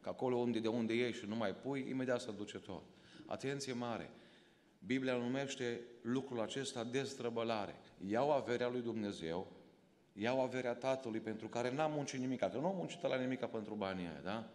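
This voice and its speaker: A man's voice: mid-range voice, darkish tone, big-room sound. A man from Romania preaching a sermon to his congregation, rising into emphatic calls to the listeners. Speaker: pastor. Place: church hall.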